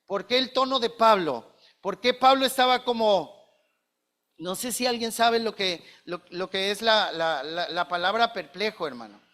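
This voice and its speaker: Pastor, male, bright forceful tone, earnest preaching style. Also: sits high, moderate pace. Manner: earnest, questioning, addresses listeners as brothers. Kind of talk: sermon.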